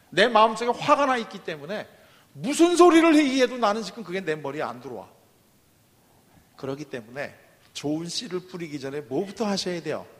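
A man preaching a sermon as a pastor, asking the congregation questions and answering them himself. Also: high voice. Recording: long reverb of a large hall.

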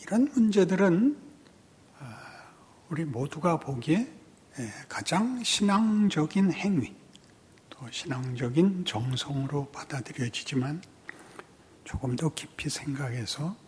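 A man preaching a sermon in slow, halting phrases full of pauses and fillers, with sudden emphatic rises. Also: a little high, expressive, darkish tone, husky. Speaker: pastor.

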